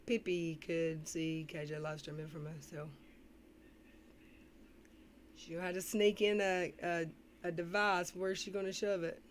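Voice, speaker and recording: A woman's voice: fairly low pitch, flat delivery. Woman doing casual livestream commentary. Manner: frequent throat clearing, pausing to read comments. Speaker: livestream commentator reacting to clips. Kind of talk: casual reaction commentary, reading live chat. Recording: faintly noisy livestream audio.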